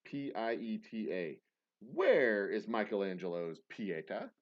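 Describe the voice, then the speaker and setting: A man with a fairly low voice reads trivia questions while hosting a casual livestream game night, his pitch swinging hugely at a measured pace. He rambles, makes self-mocking jokes, and restarts frequently. The audio is somewhat dull and lo-fi.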